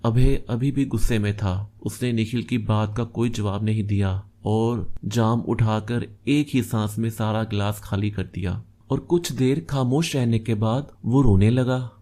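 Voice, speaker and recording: A man reading a first-person story aloud in a measured, steady storytelling manner. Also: on the low side. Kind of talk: scripted first-person narration.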